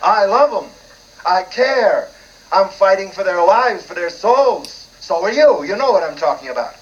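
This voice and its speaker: A man's voice: high voice, expressive, a little slow. A middle-aged man preaching a fiery, emphatic sermon, hammering his points with repeated words. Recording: dull lo-fi radio broadcast.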